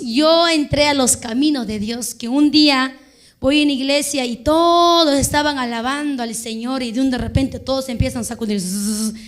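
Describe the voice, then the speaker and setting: A woman preaches her testimony from the pulpit. Her voice sits high and bright, and she speaks with fervor, often turning to address the congregation directly. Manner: fervent, addresses listeners as brothers, quotes others in dialogue. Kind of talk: sermon testimony.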